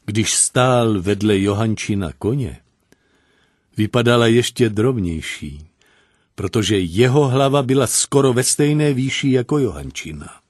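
A man narrating a story, reading in an expressive storybook manner. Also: medium pitch, dry recording, clean studio sound. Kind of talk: scripted narration.

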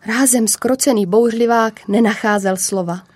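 A woman narrating a children's story in a calm, measured way. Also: fairly high pitch, slightly rough, dry recording.

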